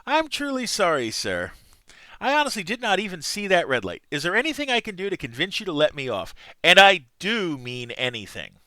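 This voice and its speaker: A man's voice: high-pitched, huge pitch swings, fairly quick, sharp tone, dry recording, full character voice. A man reading out the lines of a sassy young woman driver in a video game, sarcastic and insulting. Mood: coy.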